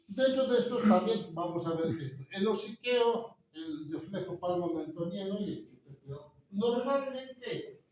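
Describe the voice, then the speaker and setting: A man's voice: high voice, darkish tone, a little hiss or hum. A man giving a classroom lecture, often asking the students rhetorical questions. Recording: echoey, distant, dull room recording.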